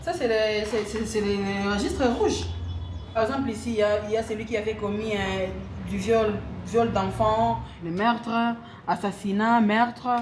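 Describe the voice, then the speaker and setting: A woman judge speaking in an interview, halting and repeating words as she explains. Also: mid-range voice, background noise.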